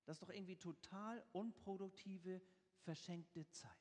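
A man preaches in a church, his high voice carrying a long reverb through the hall. He reads scripture with emphasis and then explains it in plain, everyday words. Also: moderate pace, darkish tone. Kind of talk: sermon.

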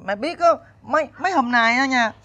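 A performer playing a stammering, whiny son in a stage comedy sketch. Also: female voice, sits high, expressive, fairly quick, bright, forceful tone, dull audio, slight background noise. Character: stammering frazzled grown son.

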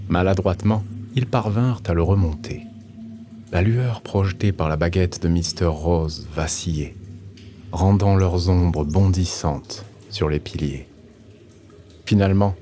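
Male narrator, very deep voice, steady, measured, slight background hiss. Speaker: audiobook narrator. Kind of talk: scripted audiobook narration.

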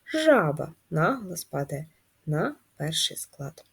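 A woman teaching a first-grade class, reading riddles and guiding letter writing in a slow, sing-song manner for young children. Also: sits low, sing-song, creaky, breathy edge. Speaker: primary school teacher. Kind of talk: first-grade handwriting lesson.

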